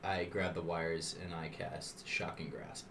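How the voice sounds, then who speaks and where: A man playing a tabletop game, talking casually, swearing freely and tossing off quick asides. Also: low-pitched, flat delivery, echoey room, heavy background noise. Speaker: player.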